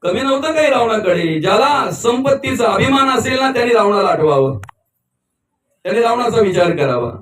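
A high-pitched man delivers a devotional sermon. He tells stories and acts out the voices of their characters, sometimes shouting. He is recorded from some distance in an echoing space. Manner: storytelling, acting out quoted voices, shouting at peaks. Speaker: kirtan preacher. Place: memorial gathering. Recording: echoey, from a distance.

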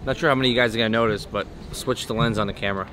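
A man in his thirties with a lowish voice and a steady tone talks quickly and casually as a family vlogger, addressing both the camera and a pet. He holds the camera at arm's length, mostly outdoors at a marina and patio, later in the garage and at home. Crowd noise is clearly audible behind him.

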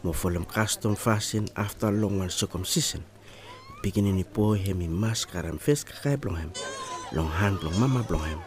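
Low-pitched ni-Vanuatu man narrating in Melanesian pidgin. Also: moderate pace, a crowd in the background. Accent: ni-Vanuatu Bislama, Melanesian pidgin similar to Solomon Islands Pidgin.

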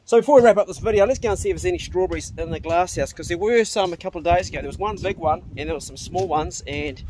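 Man, broad Kiwi accent, higher pitch, laid-back slangy vlog chat, handheld phone, light ambient noise. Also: fast, a little mellow. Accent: broad New Zealand. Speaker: vlogger. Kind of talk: casual chat to camera. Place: around a house: kitchen, yard and glasshouse. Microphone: phone at arm's length.

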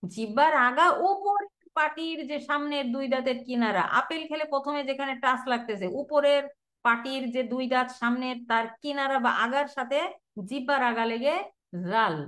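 A woman's voice: sits high, a bit bright. Woman patiently drilling letter sounds. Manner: patient, repeats letter sounds slowly for students. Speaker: Quran recitation teacher. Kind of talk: online Quran pronunciation class.

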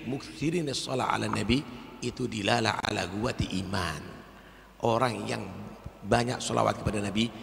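Gravelly preacher in a reverberant hall. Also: male voice, fairly low pitch. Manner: fervent, swings from soft storytelling to loud exhortation; recites Arabic verses with slow drawn-out emphasis. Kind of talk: Islamic sermon at a religious gathering.

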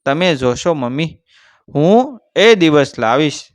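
A man's voice: fairly high pitch, big pitch swings, slow pace, dry recording. A man voicing a determined, earnest village schoolboy from a poor family. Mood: resolute. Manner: earnest, resolute.

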